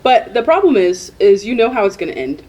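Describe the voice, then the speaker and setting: A woman's voice: medium pitch, big pitch swings, brisk, warm tone, low-quality recording. Chatty woman librarian, casual book talk. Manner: chatty, rambling, frequent "like". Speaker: librarian and podcast co-host.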